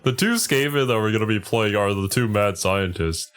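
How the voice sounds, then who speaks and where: Casting: male streamer with a low voice, reacting casually and conversationally to a video. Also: moderate pace, fairly bright tone, clean tone. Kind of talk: casual live reaction commentary.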